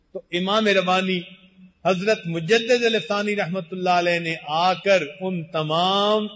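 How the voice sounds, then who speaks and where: An older man giving a measured, deliberate sermon as a Sufi sheikh, slowing for emphatic phrases. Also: high-pitched, a bit bright. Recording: muffled recording in a reverberant hall.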